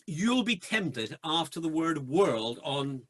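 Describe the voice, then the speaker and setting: A man, slightly croaky, leading a choir rehearsal, chatting, joking and singing short phrases to show how. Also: a little high, sing-song, slow pace. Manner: chatty, encouraging, joking asides, sings demonstration phrases. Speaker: choir director. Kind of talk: online choir rehearsal coaching. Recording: piano music loud behind voice. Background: piano.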